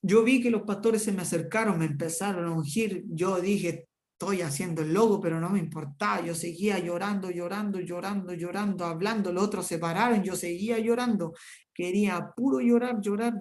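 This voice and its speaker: A man's voice: high-pitched, a little mellow. Earnest male preacher, fervent repetition. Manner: earnest, emphatic, repeats words in runs. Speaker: preacher teaching a Bible lesson. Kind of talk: Bible lesson with personal testimony.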